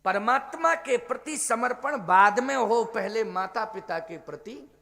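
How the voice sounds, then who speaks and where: A man giving a devotional sermon, declaiming forcefully and then dropping to low asides, now and then chanting a scripture verse slowly. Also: expressive, vocal fry, big-room sound. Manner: emphatic, swings from loud declaiming to low asides. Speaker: preacher of a Ram Katha discourse.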